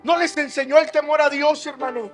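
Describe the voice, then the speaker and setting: A man preaching with a Mexican Spanish accent, calling everyone "brother" and swinging from hushed asides to loud, shouted points. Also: very high-pitched, fairly even intonation, brisk, soft background music. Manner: calls listeners "hermano" constantly, swings from hushed to shouting. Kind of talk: sermon.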